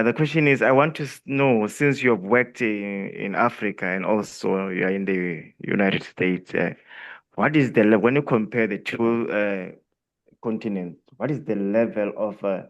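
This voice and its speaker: A man joining a webinar over a video call to ask a question, polite and halting. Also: on the low side, a bit bright, highs cut off. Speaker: webinar participant asking a question. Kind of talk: asking a question online.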